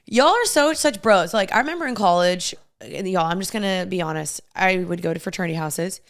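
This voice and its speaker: A woman's voice: on the low side, moderate pace. A young American woman chatting casually as a co-host, giving confident, blunt and emphatic dating advice.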